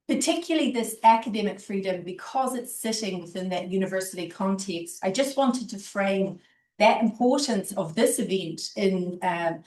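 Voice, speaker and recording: A woman with a New Zealand accent gives a formal, earnest welcome speech in a measured way. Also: mid-range voice, darkish tone. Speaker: university vice president giving a welcome address. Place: indoor university event room with online audience. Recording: echoey room, distant microphone.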